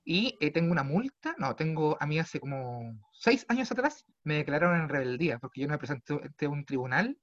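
A young Chilean man with a Chilean accent telling a comedic story casually, swearing freely and swinging between low mutters and loud exclaims. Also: big pitch swings, fairly quick, few pauses. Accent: Chilean Spanish. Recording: slightly dull lo-fi sound.

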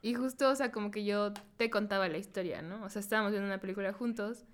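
A woman's voice: medium pitch, steady tone, fast. Playful young Mexican woman. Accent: Mexican Spanish. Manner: playful, giggly, defensive. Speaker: podcast co-host. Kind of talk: casual chat.

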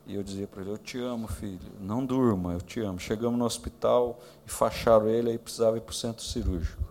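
A man, a pastor, telling a personal story in a sermon, acting out quoted voices high and loud, then dropping to hushed tones. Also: steady tone, fast talker. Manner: drops to hushed tones in tender moments.

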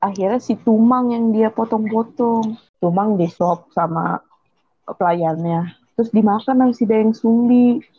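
A woman's voice: a little high, unhurried, breathy edge, dry recording, muffled recording. A young woman chatting casually, retelling a folk tale in a rambling way and correcting herself as she goes.

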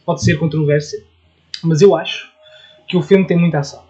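Young Portuguese male co-host, rapid, bright-pitched, casual slang, lo-fi sound. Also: steady tone. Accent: European Portuguese. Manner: playful, uses slang and English gamer words. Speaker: podcast co-host. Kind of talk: casual chat.

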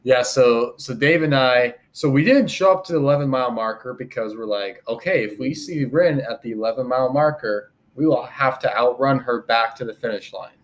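A man's voice: medium pitch, a little fast, hardly any pauses. A man co-hosting a podcast, telling a story in casual chat and acting out what people said. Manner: animated storytelling, acting out quotes. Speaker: podcast co-host.

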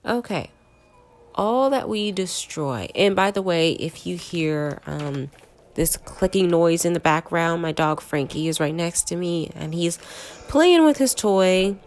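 A woman hosts a casual solo horror movie review, her voice stuffy and congested from a cold. She speaks in a lowish, expressive voice, a little slowly, chatting conversationally and peppering her talk with "like" and "you know."

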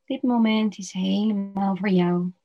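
A woman guiding a slow body-scan relaxation meditation in a soft, soothing voice with long pauses. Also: medium pitch, fairly even intonation. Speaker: meditation guide. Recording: dull lo-fi recording.

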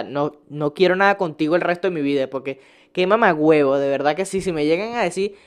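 A young man with a Venezuelan accent, ranting casually as a vlogger, swearing a lot, laughing often and stumbling over his words. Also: high-pitched. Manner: profane, rambling, laughs often, restarts words. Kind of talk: casual rant.

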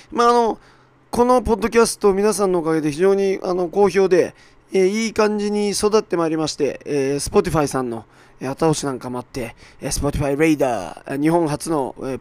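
Hoarse, raspy man hosting a podcast. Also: high voice, darkish tone, no room sound. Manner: self-deprecating, apologetic, with mock-quoted asides. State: hoarse, worn-out voice from shouting at an event. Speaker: podcast host. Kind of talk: casual solo podcast monologue.

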